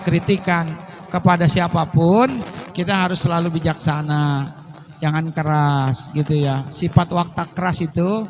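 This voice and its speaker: A man's voice: high-pitched, a little hiss or hum. A man giving a humorous religious lecture to a congregation, telling stories with quoted voices and chuckles. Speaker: preacher. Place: mosque gathering.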